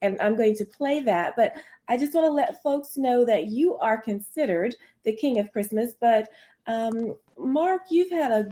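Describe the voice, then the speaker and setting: A chatty woman hosting an online talk show, her voice sitting a little high. She talks casually, laughs often and fills her sentences with ums and restarts. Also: warm tone. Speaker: radio show host. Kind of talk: casual interview.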